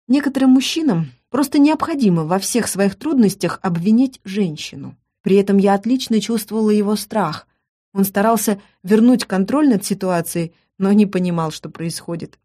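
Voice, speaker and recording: Female audiobook narrator, first-person story, calm even read, warm mellow tone. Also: mid-range voice, moderate pace.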